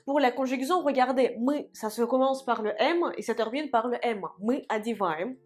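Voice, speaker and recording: A woman's voice: on the high side, normal speed. A woman with a Russian accent teaching a language lesson, explaining rules and saying each form twice for learners to repeat.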